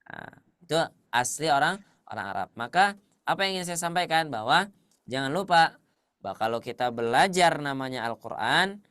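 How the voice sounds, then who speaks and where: A man teaching a tajwid class, quizzing his students and confirming their answers, at times chanting Arabic verses slowly. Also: fairly high pitch, expressive, sharp tone, clean tone, dry recording, clean studio sound. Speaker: Quran recitation teacher.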